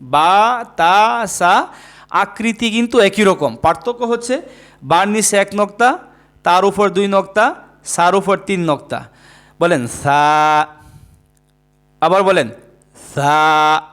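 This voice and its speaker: A man's voice: high voice, a little slow, pauses often, fairly bright tone. A man teaching a lesson, patiently repeating each letter so learners can echo it. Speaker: Quran teacher. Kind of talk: slow, repetitive letter-drill lesson.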